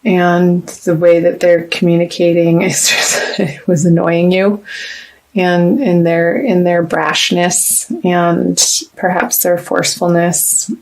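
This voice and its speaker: Woman doing a tarot reading, low gravelly voice, pretty flat, slow and halting with lots of ums. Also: poor audio. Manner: soft and reflective, pausing to consult the cards. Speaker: tarot reader. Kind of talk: casual tarot reading to camera.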